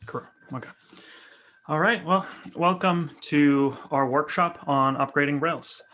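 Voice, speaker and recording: A man from Argentina presenting a software workshop over a video call, friendly and relaxed with frequent fillers. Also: fairly high pitch, a little slow, a little hiss or hum. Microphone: webcam video call.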